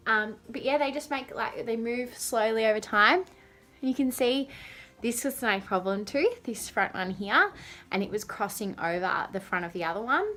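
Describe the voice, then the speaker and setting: A woman's voice: a little high, lively intonation, moderate pace, fairly bright tone. A young adult woman chatting casually and informally to camera, with a lisp and whistling s sounds from dental aligners, rambling in a self-deprecating way. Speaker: vlogger.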